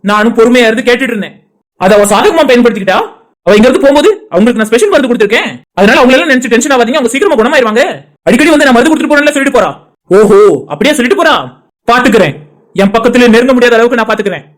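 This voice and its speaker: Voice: mid-range voice, racing, natural voice. Someone voicing a stern short-tempered husband. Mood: firm. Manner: commanding, scolding. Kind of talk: cartoon drama voice acting.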